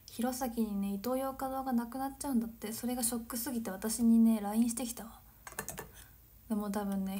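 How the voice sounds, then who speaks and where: A woman in her twenties from Nagano, chatting casually on a livestream, giggling and drifting into soft whispered asides. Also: fairly high pitch, slight background noise. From Nagano, Japan. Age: 20s. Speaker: livestream host. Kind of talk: casual chat reading viewer comments.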